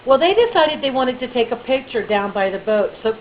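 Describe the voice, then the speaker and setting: Chatty woman with a higher voice. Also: a little fast, narrow, tinny audio, slight background noise. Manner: animated, chatty, playful baby talk. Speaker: vlogger. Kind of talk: casual personal storytelling.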